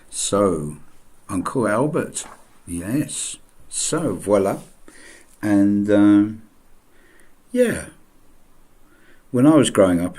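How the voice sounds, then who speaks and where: A man's voice: low-pitched, warm tone, slightly rough. A middle-aged man chatting casually to camera, rambling with many ums and friendly asides. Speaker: vlogger.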